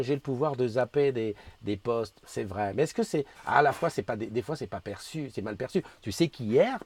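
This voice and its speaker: A man hosts a casual live morning stream, rambling and restarting as he greets viewers and reads their comments. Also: medium pitch. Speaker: host of a live community morning show.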